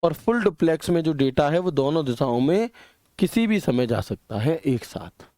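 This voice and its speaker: A man's voice: on the high side, lively intonation, normal speed, a little mellow, no room sound, clean studio sound. A male computer teacher with a way of speaking, lecturing in a chatty style and often checking whether the students understood. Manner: chatty, keeps asking "ठीक है", homely examples. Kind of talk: classroom lecture.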